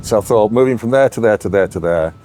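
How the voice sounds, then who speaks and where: Middle-aged man, very low voice, lively anecdotal interviewee. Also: fast talker, a little hiss or hum. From Yorkshire, England. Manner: animated anecdotal storyteller. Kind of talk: storytelling interview.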